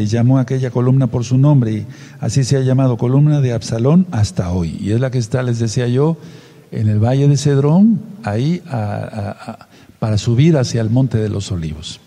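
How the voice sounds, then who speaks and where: A man's voice: mid-range voice, dark tone, in a large hall. A man leading a Bible study, reading scripture aloud and stopping to explain it and question his listeners. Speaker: Bible teacher.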